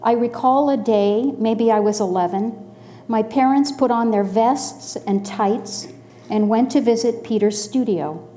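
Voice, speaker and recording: A woman in her sixties from the Los Angeles area, telling a personal story in a measured, dryly humorous way. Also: on the high side, warm tone, slight background noise. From Los Angeles area, USA.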